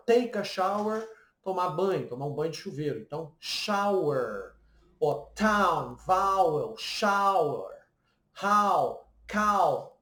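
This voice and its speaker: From an echoey room, a Brazilian man whose voice sits high teaches English pronunciation with a Brazilian Portuguese accent. He takes his time explaining, frequently adding "né?" or "ok?" to check in with the listener.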